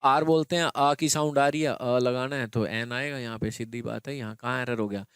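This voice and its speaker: Male teacher, clear voice, dry sound. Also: mid-range voice, fairly even intonation, a little fast, a bit bright, dry recording. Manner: explains step by step, often checks in with students. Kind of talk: exam prep grammar lesson.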